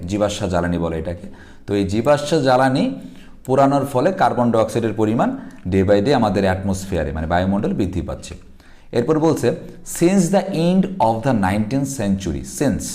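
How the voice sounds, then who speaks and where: A man's voice: low voice, darkish tone. A man teaching an exam passage in a chatty way, often stopping to check that students follow. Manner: conversational, frequent check-ins and fillers. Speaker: English teacher. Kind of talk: exam lesson explaining a passage.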